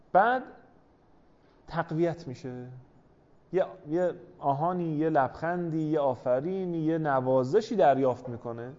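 A man's voice: on the high side, a little mellow. A man lecturing a class, explaining step by step and asking rhetorical questions of his listeners. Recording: dull lo-fi recording.

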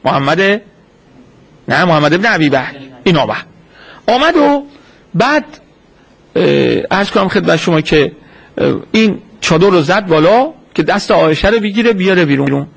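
A man with a high voice delivers a sermon as a retold story. He keeps asking rhetorical questions and answering them. He acts out the people he quotes. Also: gravelly, breathy edge. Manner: acts out quoted speech in a lively retelling. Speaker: preacher.

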